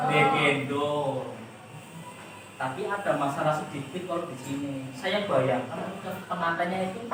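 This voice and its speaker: A woman's voice: mid-range voice, noisy background. A woman teacher giving a classroom lesson, quizzing and coaxing her pupils with repeated questions. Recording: echoey classroom from far off.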